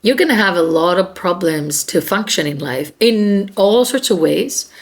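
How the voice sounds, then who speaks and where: A woman's voice: fairly low pitch, animated, unhurried. A woman hosting a self-help video, speaking directly to the viewer in an earnest, conversational way with frequent fillers. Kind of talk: direct-to-camera educational talk.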